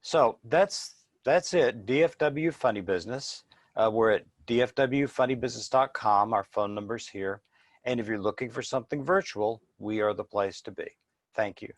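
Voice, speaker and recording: A man's voice: mid-range voice, normal speed, no room sound. A man giving an informal sales presentation in a plain-spoken, explanatory way. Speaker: business presenter.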